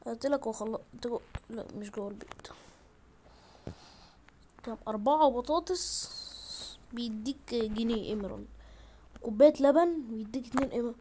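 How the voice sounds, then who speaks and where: A woman with an Egyptian accent chats excitably through her gameplay, speaking quickly in a slightly high voice. She talks straight to her viewers from a room at home, with a faint hiss behind her. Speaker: gaming YouTuber. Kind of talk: gameplay commentary.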